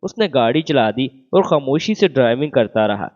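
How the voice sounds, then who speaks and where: A man reading a romantic first-person story as scripted narration, voicing every part in the same even voice. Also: mid-range voice. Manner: reads all parts in one even voice. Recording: phone-like narrow band.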